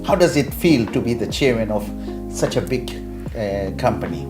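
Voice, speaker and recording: A man hosting a casual interview show, chatty and quick to laugh as he asks questions. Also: lowish voice, animated, reverberant, music in the background. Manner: warm, chatty, laughs often. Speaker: talk show host.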